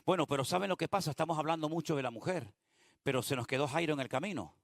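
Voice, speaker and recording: A man preaching a sermon as pastor, moving between hushed prayer-like passages and rising, emphatic exhortation. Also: a little high, fast talker, no room sound, clean studio sound.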